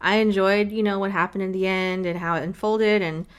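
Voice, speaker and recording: A woman co-hosting a casual film review chat, offering qualified, measured opinions. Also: mid-range voice, fairly even intonation, clean tone. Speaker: co-host of a movie review show.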